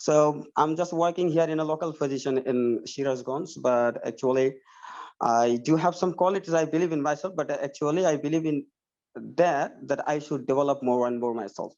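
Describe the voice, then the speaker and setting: Slow, hesitant Bangladeshi man. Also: fairly high pitch, a little mellow, highs cut off. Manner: hesitant, many fillers and restarts. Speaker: high school teacher. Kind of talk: online class conversation.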